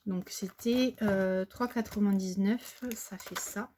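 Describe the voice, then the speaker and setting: A woman's voice: mid-range voice, fairly even intonation, slow pace, noisy background. A woman from France chatting casually in a crafting haul, hesitant and full of fillers and restarts. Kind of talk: casual chat.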